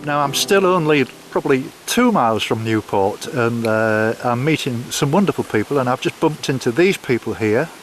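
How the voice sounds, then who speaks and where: A man's voice: medium pitch, lively intonation, normal speed, few pauses, rough recording. Male walking vlogger, chatty and effusive, outdoors, mid-range voice. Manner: chatty, warm-hearted, effusive. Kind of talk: casual chat and narration. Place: outdoors on a coastal path.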